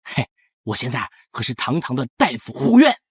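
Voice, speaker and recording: A man's voice: mid-range voice, wildly swooping pitch, moderate pace, husky, no room sound, exaggerated voice. An actor playing a goofy young male house guard who is eager and bumbling and laughs nervously. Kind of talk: TV drama acting.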